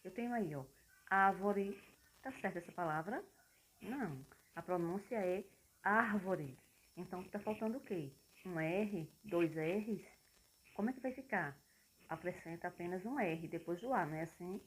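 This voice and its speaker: A woman's voice: lowish voice, animated, normal speed, darkish tone, low-quality recording. Chatty woman schoolteacher. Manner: chatty, talks straight to pupils. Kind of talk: casual classroom explanation.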